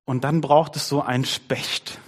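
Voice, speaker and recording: A man preaching a conversational sermon on his worship team's behalf, shifting his pace and dropping to soft tones. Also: mid-range voice, steady tone, measured pace, big-room sound. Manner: conversational, varies pace, softens to near-whisper. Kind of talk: sermon with a storybook reading.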